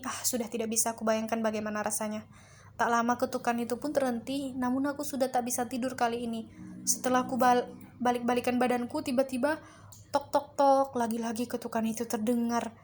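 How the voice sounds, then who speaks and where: Female storyteller, horror narration, higher voice, faint background noise. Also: darkish tone.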